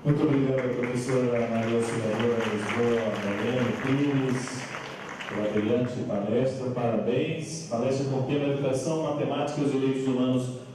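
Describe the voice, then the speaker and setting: A man's voice: mid-range voice, steady tone, moderate pace, over a noisy crowd. A Brazilian man as master of ceremonies, formally announcing performers in the manner of a grand entrance announcement. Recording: very echoey hall, distant mic, faint noise.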